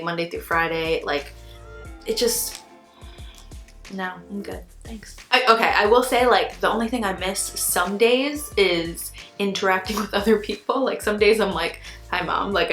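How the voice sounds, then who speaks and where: A woman's voice: mid-range voice, fairly bright tone, echoey room. A young American woman chatting casually and informally to camera as she answers viewer questions, giggly at times and free with swearing. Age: young adult. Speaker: YouTube beauty and fashion vlogger. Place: small indoor room at home, seated in an armchair.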